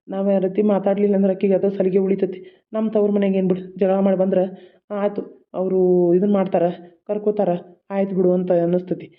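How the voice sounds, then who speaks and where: Brief: quick-talking cartoon voice, lecturing, thin tinny phone-like sound. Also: medium pitch. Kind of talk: dialect cartoon voice acting.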